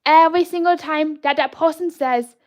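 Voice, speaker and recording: High, childlike woman chatting on a livestream. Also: moderate pace, a little mellow. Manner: childlike, playful, chatty with frequent restarts. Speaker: livestream artist host. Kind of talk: casual livestream chat while drawing.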